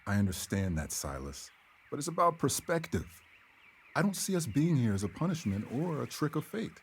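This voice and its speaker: A man playing an earnest, calm healer in a stagey period drama, speaking in measured, formal phrases. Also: medium pitch, a little hiss or hum. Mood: earnest, persuasive. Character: earnest young male healer, calm and devout believer in elders.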